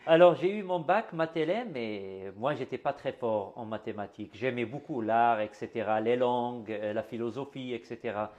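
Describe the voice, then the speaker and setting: A middle-aged man from Algeria, a guest artist in an interview, speaking warmly and repeating words with many fillers. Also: medium pitch, normal speed, hardly any pauses, highs cut off. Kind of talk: interview conversation.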